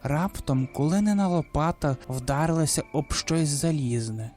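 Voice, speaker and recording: A man narrates a gothic folk tale, with a voice that sits a little high for a man. He reads in a measured, deliberate pace as a storybook reader, and faint music plays behind him. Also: a little mellow. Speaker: audiobook reader.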